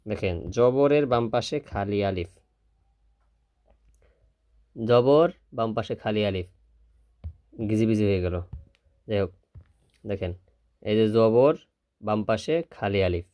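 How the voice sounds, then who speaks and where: A man teaching Quran recitation step by step, who drills slowly, repeats syllables, and asks and answers his own questions. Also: fairly low pitch, muffled recording. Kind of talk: step-by-step spelling lesson.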